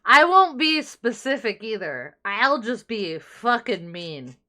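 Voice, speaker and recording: A woman's voice: fairly high pitch, sing-song, slow, bright, forceful tone. A woman hosting a livestream in casual chat, crude and mock-serious as she jokes. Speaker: livestream host.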